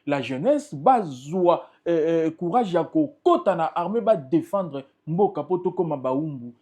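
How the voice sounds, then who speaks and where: With a warm tone and a sing-song quality, this man speaks a little slowly in a voice on the high side. As a political party spokesperson guesting in an interview, he talks emphatically and passionately in Congolese-accented French.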